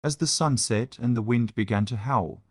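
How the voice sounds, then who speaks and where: A man reading a classic fairy tale aloud as a storyteller, in a measured, enunciated storybook-opening manner. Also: medium pitch, slightly rough, dry recording, clean studio sound.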